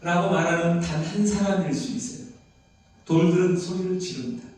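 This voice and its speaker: A man's voice: high-pitched, little pitch movement, normal speed, darkish tone. A man preaching a sermon as pastor, asking the congregation questions and acting out quoted voices. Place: prayer retreat hall. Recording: echoey hall from far off.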